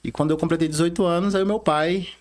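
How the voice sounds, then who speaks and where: A man in his thirties with a Rondônia Brazilian accent, a bank manager chatting as a podcast guest, earnest and halting, tagging lines with "né?". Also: on the high side, fairly even intonation. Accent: Rondônia Brazilian Portuguese. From Bahia, Brazil, raised in Rondônia. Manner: earnest, frequent "né?" tags, halting restarts. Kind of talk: casual interview talk.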